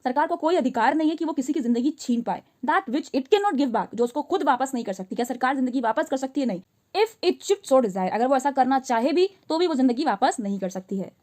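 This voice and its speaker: A female teacher goes through a story line by line, reading each English line slowly before explaining it in chatty Hindi and putting questions to her listeners. Her voice is high-pitched with a darkish tone.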